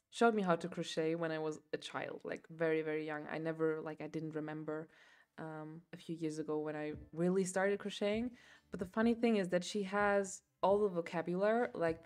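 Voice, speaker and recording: Crocheting on a livestream she hosts, a young German-native woman chats casually in a low, slightly mellow voice. She's talkative and rambling, leaning heavily on fillers and laughing a lot.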